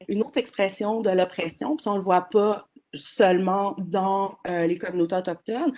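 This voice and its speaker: A woman's voice: medium pitch, a little mellow. A woman, speaking as a panelist in a webinar over a video call, earnest and explanatory with frequent hesitations. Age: 40s.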